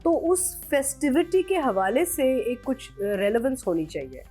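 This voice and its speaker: A woman's voice: high voice, big pitch swings, a little slow, dark tone, husky, soft background music. A woman on a drama review panel, talking casually and earnestly, often switching into English. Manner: mixes English into her talk, earnest and emphatic.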